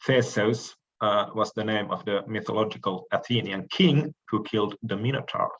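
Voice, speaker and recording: A man giving a recorded lecture, explaining each letter in a measured way with frequent pauses and the odd throat clearing. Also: fairly low pitch, a bit bright, highs cut off.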